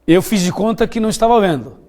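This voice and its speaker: A man's voice: high-pitched, expressive, fast, darkish tone. A man with a Brazilian Portuguese accent, preaching a televised sermon as a pastor, telling stories in a conversational way and asking his listeners questions.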